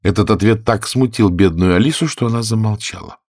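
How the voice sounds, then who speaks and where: A man reading a fairy-tale audiobook aloud as the narrator, with expressive intonation. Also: lowish voice, a little fast, no room sound, clean studio sound. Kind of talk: scripted storybook narration.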